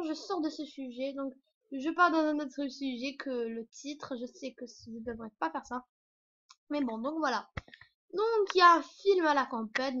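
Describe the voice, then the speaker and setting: Young girl vlogging, high voice, lots of umms and restarts, dull lo-fi sound. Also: a bit bright. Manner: rambling and hesitant, full of "euh" and "donc". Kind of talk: casual rambling vlog. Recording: dull lo-fi recording.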